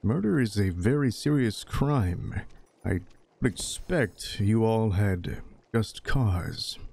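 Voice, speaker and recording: A man's voice: on the low side, animated, slow pace, creaky, a little mellow, exaggerated voice. A man voicing a nervous male merchant who stammers and hesitates in a tabletop game. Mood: polite.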